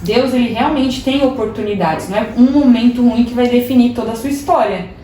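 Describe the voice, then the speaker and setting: A young adult woman shares a personal story as a podcast guest, chatty and self-mocking, often breaking into laughter. Her voice sits a little high. The mic picks her up from a distance in a strongly echoing room with a faint hiss. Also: brisk, dark tone. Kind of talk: casual testimony storytelling.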